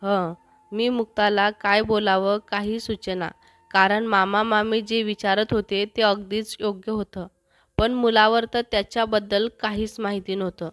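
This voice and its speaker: A woman storyteller reading a romantic story aloud in a steady, even scripted narration. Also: mid-range voice, moderate pace, no echo.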